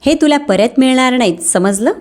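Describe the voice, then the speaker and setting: Figure: a cold, demanding grown son in an audio story, read by a woman, sharp-tongued, in a fairly high voice. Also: expressive, normal speed. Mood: angry. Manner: harsh, shouting at times.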